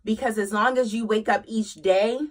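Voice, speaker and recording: A woman hosting a motivational talk as a single mother. She speaks emphatically, repeats her phrases, and moves from loud urging to quiet confession. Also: on the high side, steady tone, normal speed. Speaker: host.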